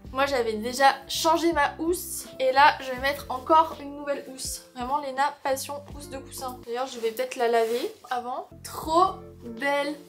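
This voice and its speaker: A young woman with a high, bright voice chats to her camera in her apartment, lively and expressive, muttering as she decorates. Faint music plays in the background. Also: normal speed, few pauses. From France. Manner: chatty and expressive, mutters and swears while doing chores. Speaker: lifestyle vlogger. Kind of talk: casual vlog chat. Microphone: camera mic.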